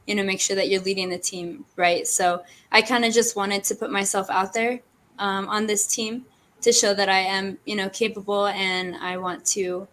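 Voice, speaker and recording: A woman's voice: medium pitch, fairly bright tone. A young adult woman, a team captain, answering casually in an interview.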